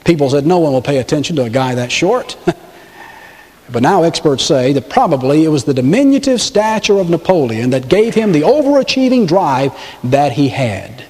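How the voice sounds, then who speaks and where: A middle-aged male pastor from the American South delivers a sermon in a fairly high voice. His pitch swings freely as he acts out the people he quotes. The long church reverb lingers behind every phrase. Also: very animated, moderate pace, a little mellow.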